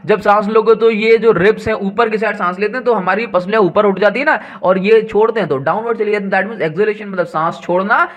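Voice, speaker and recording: A man giving a science revision lesson to school students. He mixes Hindi with English science terms, repeats key words and asks quick questions back to the class. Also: high-pitched, fairly bright tone. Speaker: teacher.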